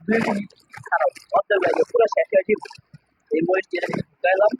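A man's voice: very high-pitched, huge pitch swings, quick pace, creaky, background noise. A man with a colloquial Bangladeshi accent talking casually on a vlog, his mouth burning from spicy food. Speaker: challenge video host. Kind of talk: casual excited vlog chat. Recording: dull, lo-fi sound.

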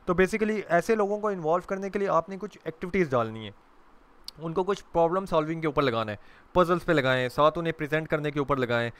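A young adult man from Pakistan, a corporate trainer, delivers a training lecture to camera. His voice is a little high and a bit bright, and he explains patiently, mixing English terms into his speech with occasional fillers.

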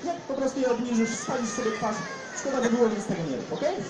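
Young man, street juggler patter, high voice, far off, echoey, loud crowd noise around. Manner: joking, directs volunteers and crowd with quick instructions. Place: large outdoor town square with a big crowd. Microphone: no mic, caught by a phone camera in the audience.

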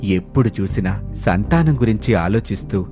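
A man narrating a cartoon storybook in a steady, clear telling voice. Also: fairly low pitch, moderate pace, music in the background.

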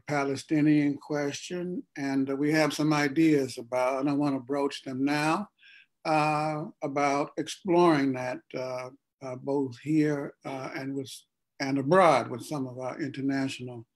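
A man from Ohio hosting a casual political discussion, speaking deliberately and pausing often mid-sentence. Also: on the high side. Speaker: host.

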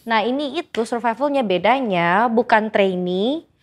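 A woman's voice: on the high side, expressive, a little slow. A woman in her twenties, a guest singer, talking enthusiastically about a TV show and slipping in English phrases. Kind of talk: casual chat reviewing K-dramas.

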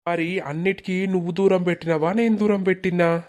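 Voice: medium pitch, fairly even intonation, a little fast, darkish tone, close to an everyday voice. A performer voicing a hurt, resentful village man with a Telangana accent, talking in a reproachful, pleading way. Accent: Telangana Telugu. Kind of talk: animated village comedy dialogue.

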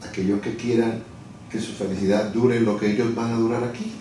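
This middle-aged man, a lawyer and communications director, is an interview guest offering reflective explanations from his desk, frequently restarting mid-phrase while searching for words. His mellow, darker voice is on the low side, briskly paced with fairly even intonation. Distant pickup in a very echoey office adds a little hiss or hum.

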